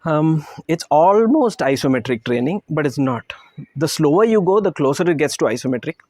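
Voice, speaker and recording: A man's voice: a little high, expressive, normal speed, darkish tone, no room sound. Man explaining training methodically, dry sound. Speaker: doctor presenting fitness advice. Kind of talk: casual explainer to camera.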